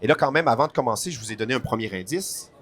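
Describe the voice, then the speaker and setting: A man's voice: mid-range voice, very fast, fairly bright tone. Man patiently explaining game rules. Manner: patient, step-by-step explaining with a dry joke. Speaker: board game publisher guest. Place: game festival stand.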